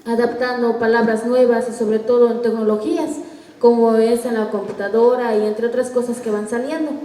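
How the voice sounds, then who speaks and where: A woman who speaks Totonac as a first language, talking reflectively and a little haltingly. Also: a little high, little pitch movement, warm tone. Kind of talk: reflective interview talk. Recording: roomy recording with long reverb.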